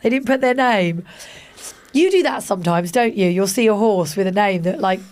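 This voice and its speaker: A woman co-hosting a relaxed podcast, chatty and animated. She reads listener messages aloud and acts out the voices she quotes. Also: mid-range voice, normal speed. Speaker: podcast co-host. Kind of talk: casual chat, reading listener messages.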